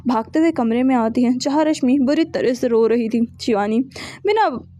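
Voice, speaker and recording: A woman narrating a romance audio story in a steady reading voice with small restarts. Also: on the high side, moderate pace, no room sound.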